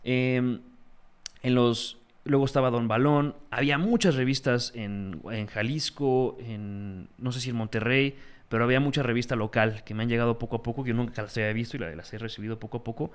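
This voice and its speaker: A young man with a Mexican accent, a guest in a casual interview, telling stories in an animated, slangy way. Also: mid-range voice, brisk, clean tone. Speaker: guest, magazine founder.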